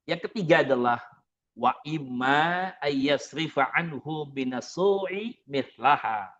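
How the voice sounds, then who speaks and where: Lively man preaching a sermon. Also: fairly high pitch, slow pace, dull audio, slight background noise. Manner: lively storytelling, acting out prayers and dialogue.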